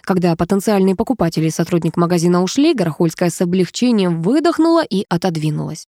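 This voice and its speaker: Woman narrating a story, mellow voice. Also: on the low side, expressive, fast talker, no room sound, studio quality. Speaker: audiobook narrator. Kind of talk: scripted narration.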